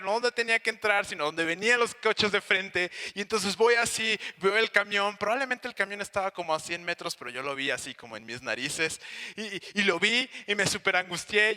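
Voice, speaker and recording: Young Mexican male preacher, animated storyteller, very bright tone, fairly high pitch. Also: in a large hall. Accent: Mexican Spanish. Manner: animated storytelling, acts out voices and sounds. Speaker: pastor. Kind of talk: sermon with personal story.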